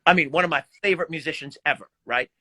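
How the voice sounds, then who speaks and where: Chatting casually on a live video call, a middle-aged man appearing as a guest musician spins stories and laughs frequently. He talks at a quick pace in a fairly high voice, with no echo, animated throughout.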